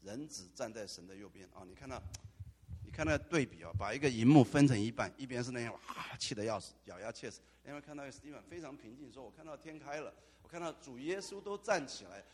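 Husky preaching man in echoey hall. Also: medium pitch. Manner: animated preaching with dramatic asides. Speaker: pastor. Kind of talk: sermon. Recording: long hall reverb.

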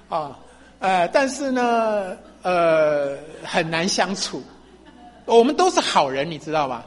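一位中年男牧师在讲道中分享自己的见证，语气随意，常常笑，口头语很多。. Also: male voice, high-pitched, a bit bright. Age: middle-aged. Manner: chatty, laughs often, frequent fillers. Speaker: pastor. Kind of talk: sermon testimony.

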